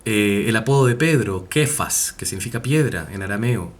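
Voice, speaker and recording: A man's voice: on the low side, lively intonation, normal speed. A man giving a recorded university class, talking with many fillers, self-corrections and rhetorical tag questions. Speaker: university lecturer. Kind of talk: recorded online class lecture.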